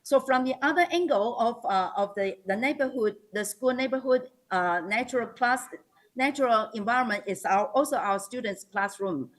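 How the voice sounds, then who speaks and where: A woman's voice: on the high side, rough recording. A woman with a Taiwanese accent gives a formal slide presentation as a school principal, hesitating and correcting herself often. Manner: halting, frequent hesitations and self-corrections.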